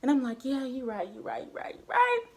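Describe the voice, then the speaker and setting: A woman's voice: on the high side, quick pace, creaky, husky. A young woman, telling a story in casual, slangy chat and acting out the people in it. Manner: animated, acts out quoted voices, slangy. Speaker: vlogger.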